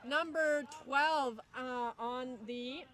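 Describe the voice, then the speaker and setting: A woman from Canada with a Canadian accent, doing chatty, excitable live sports commentary outdoors. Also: sits high, very slow. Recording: loud crowd behind.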